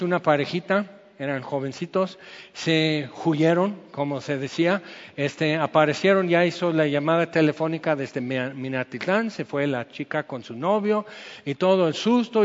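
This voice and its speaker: A man with a Mexican accent, preaching a sermon as pastor in a chatty, storytelling way, full of asides. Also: on the high side. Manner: chatty, peppers speech with "o sea" and "¿ok?". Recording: dull sound with long hall reverb.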